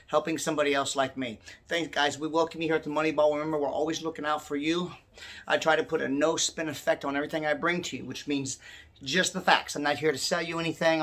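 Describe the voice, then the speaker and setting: A man's voice: a little high, a bit bright. A man hosting a personal finance channel, talking casually and earnestly straight to his viewers and calling them "guys", a little winded as he speaks. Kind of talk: casual direct-to-viewer talk.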